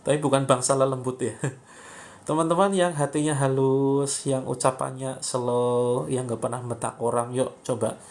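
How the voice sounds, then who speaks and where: A man's voice: medium pitch, fairly even intonation, unhurried. Man leading a prayerful healing livestream. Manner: guiding, prayerful, with sudden loud commands. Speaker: spiritual healing coach. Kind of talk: live-streamed faith healing session.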